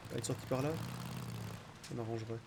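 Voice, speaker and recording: A man's voice: medium pitch, fairly even intonation, brisk, gravelly. A man giving casual, slangy gameplay commentary, playfully narrating his own actions with mock-heroic flourishes. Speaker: gaming streamer. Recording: faint game noise and vehicle ambience.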